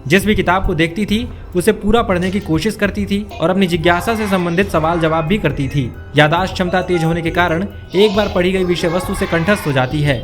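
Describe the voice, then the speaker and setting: High-pitched man narrating a news feature. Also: brisk, hardly any pauses, music in the background.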